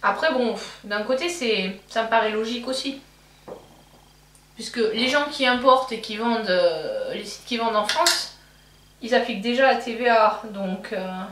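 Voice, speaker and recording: A woman's voice: fairly high pitch, animated, moderate pace, a bit bright, far from the mic. A woman vlogger chatting casually while doing her makeup, thinking aloud with fillers and restarts. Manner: rambling, thinking aloud with many fillers and self-corrections. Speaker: beauty vlogger. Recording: echoey room, voice from off-mic, faint hum.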